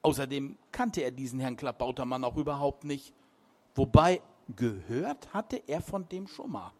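A man reading a crime story aloud with expressive, animated delivery and chatty asides between chapters. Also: mid-range voice, moderate pace. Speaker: reader.

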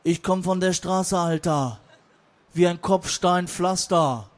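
A man voicing a boastful street gangster rapper in a comic stage reading, speaking in a dark, swaggering voice. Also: high voice, slow pace. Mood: threatening.

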